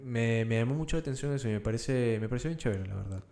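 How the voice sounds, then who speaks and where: A man's voice: medium pitch, fast. Host man in an echoey room. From Peru. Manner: relaxed, with filler phrases. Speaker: podcast host. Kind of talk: casual interview chat. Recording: roomy echo.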